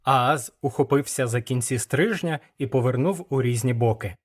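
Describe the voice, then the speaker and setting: A man narrating a humorous fantasy audiobook in an even, storytelling manner. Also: medium pitch, moderate pace. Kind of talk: scripted narration.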